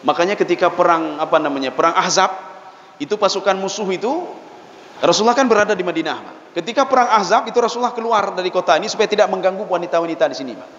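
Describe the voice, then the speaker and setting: A man's voice: high-pitched, fast talker. A man with an Acehnese accent preaching a sermon, telling stories with acted-out voices and often addressing the listeners as Pak. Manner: animated storytelling, acts out quoted voices, addresses listeners as Pak. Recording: echoey hall, lo-fi with noise.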